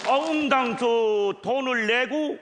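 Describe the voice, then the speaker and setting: A man's voice: very high voice, slow pace. An actor playing a genial, eager company chairman in a comedy sketch, with a Yanbian Korean accent from northeast China and a polite, flustered, repetitive way of talking. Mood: flustered, agreeable. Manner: polite, flustered, repeats himself. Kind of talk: comedy sketch stage acting. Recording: echoey hall, faint noise.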